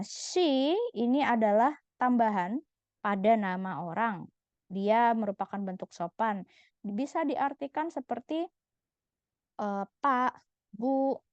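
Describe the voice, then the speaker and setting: A woman's voice: medium pitch, a little mellow, no echo, lo-fi sound. A woman teaching a language lesson in a patient, explanatory way, often checking in with her listeners. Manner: patient, explanatory, frequent "gitu ya" tag.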